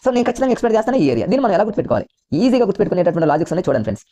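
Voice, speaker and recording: A man's voice: high-pitched, big pitch swings, mellow. A man teaching an exam coaching lesson with a Telugu accent, repeating points and calling his listeners friends. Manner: rapid, repetitive, keeps addressing listeners as friends.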